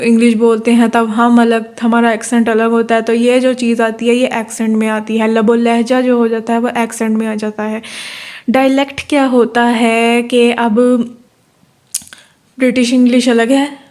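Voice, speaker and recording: A woman from Pakistan giving a university lecture, reading definitions out slowly, then explaining them while repeating herself and checking in with the class. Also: fairly high pitch, a little mellow. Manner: repeats phrases and checks in with listeners ("theek hai").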